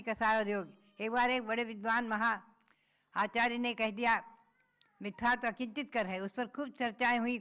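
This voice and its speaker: A woman's voice: on the high side, a bit bright, smooth. A woman, a Jain nun, giving a patient religious discourse, reciting verses and then explaining them.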